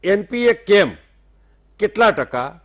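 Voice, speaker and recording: A man's voice: high voice, big pitch swings, slow pace. A man with a Gujarati accent, a guest on a TV news debate, speaking formally and courteously. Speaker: debate guest, industry-side panelist. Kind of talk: measured debate commentary.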